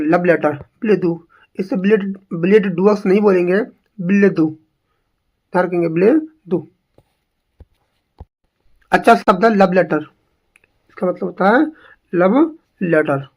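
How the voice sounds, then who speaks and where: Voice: mid-range voice, normal speed, pauses often, highs cut off. An English teacher giving an exam-prep lesson, drilling each word by repeating it and asking rhetorical questions.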